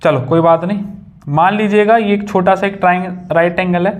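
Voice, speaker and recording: A man's voice: high-pitched, steady tone, moderate pace. A young man teaching a maths lesson at a whiteboard, chatty and casual, joking with his students.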